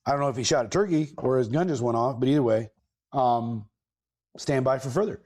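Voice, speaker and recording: A man, hosting a podcast and telling a long casual story, rambling and correcting himself as he goes, with lively bursts of emphasis. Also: mid-range voice, fairly quick. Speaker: podcast host.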